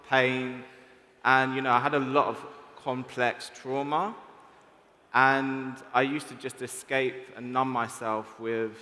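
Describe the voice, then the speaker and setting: A man speaking slowly and reflectively as a panel guest, sharing a personal story. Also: medium pitch, sharp tone. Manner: slow, reflective, halting. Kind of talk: personal testimony. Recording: echoey hall.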